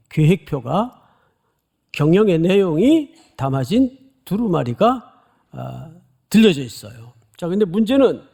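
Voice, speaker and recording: A middle-aged man preaches to his congregation in a high, rough, gravelly voice. His pitch leaps and falls with dramatic emphasis, and he keeps asking his listeners questions. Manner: dramatic preaching, voices the angel's loud cry; addresses congregation directly with questions. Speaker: pastor. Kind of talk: expository sermon.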